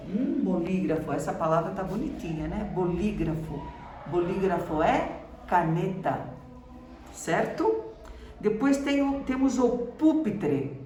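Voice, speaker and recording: A Brazilian woman teacher talks slowly and patiently through a school lesson, stopping often to check that the class follows. Her voice sits at a middle pitch and comes from some distance off the mic. The room gives it an echoey ring, with faint noise underneath. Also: darkish tone. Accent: Brazilian Portuguese. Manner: patient, checks in with "né?" and "certo?" after each point. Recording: roomy echo, voice from a distance, faint background noise.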